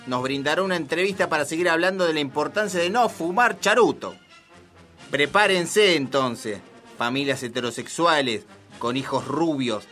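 A man's voice: a little high, sharp tone. A man with an Argentine Spanish accent playing a smug, chauvinist radio host delivering a satirical broadcast. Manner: mock-solemn announcer delivery.

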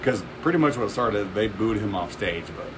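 A man's voice: lowish voice, animated, moderate pace, noisy background. A man co-hosting a casual podcast chat, swearing freely, laughing often and retelling comedy bits. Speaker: podcast co-host.

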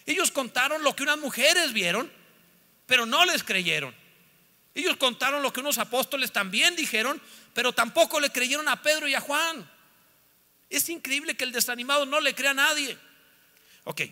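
A pastor, preaching a sermon that swings from joking asides to loud, fervent calls. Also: male voice, extremely high pitch, moderate pace, pauses often. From northern Mexico. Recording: long reverb of a church hall.

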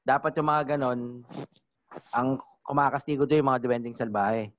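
A man co-hosting a casual podcast chat, telling stories in an animated way and laughing often. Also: medium pitch, normal speed. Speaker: podcast co-host. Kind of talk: casual drinking-session chat. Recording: dull, dry lo-fi audio.

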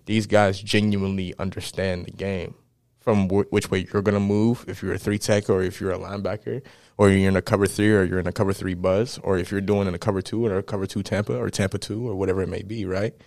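A young man in his twenties, a football player, answering interview questions in a relaxed, animated way and often tagging "right?". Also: low voice, fast, no echo, studio quality. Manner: animated storyteller, many "right?" tags.

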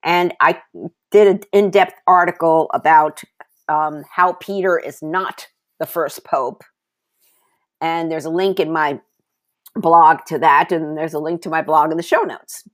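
A woman hosting a Bible teaching podcast, telling the stories in an animated way and adding conversational asides. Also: low-pitched, unhurried.

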